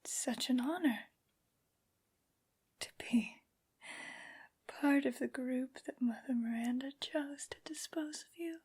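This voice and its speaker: A woman voicing a haughty, menacing aristocratic vampire lady in a breathy, whispered ASMR roleplay, with slow, condescending phrasing. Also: high-pitched, a little mellow, exaggerated voice. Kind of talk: soft-spoken ASMR villain roleplay.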